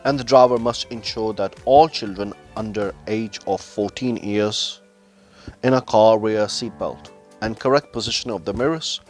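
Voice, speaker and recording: A man's voice: lowish voice, normal speed, soft background music. A man speaking as a driving instructor, giving methodical, formal step-by-step instructions to learner drivers in non-native English phrasing.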